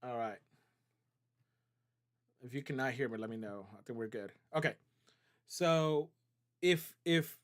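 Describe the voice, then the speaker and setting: A man hosting a live stream, answering viewers' chat questions in a loose, conversational way, often checking in with "right?" and "okay?". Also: a little high. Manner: loose, with many fillers and restarts. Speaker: trading company CEO hosting a live stream.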